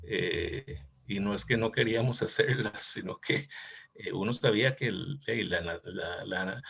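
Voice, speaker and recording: A man's voice: fairly low pitch, measured pace, vocal fry, a bit bright, slight background noise. A man, a cardiologist thoughtfully discussing a case in an academic session and reminiscing with some hesitation. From Costa Rica.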